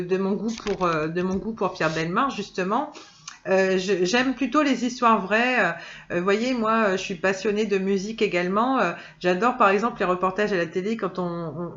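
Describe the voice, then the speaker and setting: A woman's voice: mid-range voice, fairly bright tone, dull audio. A woman reading oracle cards in a casual, chatty way, full of hesitations and restarts. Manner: chatty, many fillers and restarts. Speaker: tarot card reader. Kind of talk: casual spoken guidance video.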